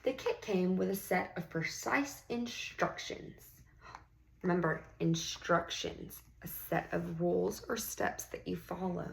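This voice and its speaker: A woman with a lowish, creaky voice reads a picture book to young children at an unhurried pace, and the recording is rough. As a teacher leading a classroom read-aloud, she draws out important words expressively, asks questions, and praises the children.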